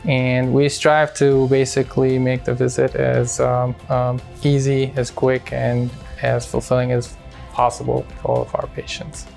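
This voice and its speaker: A man from Syria, a cardiologist speaking in a hospital profile interview, measured and halting with many fillers. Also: medium pitch, completely flat delivery, vocal fry, a little mellow, soft background music.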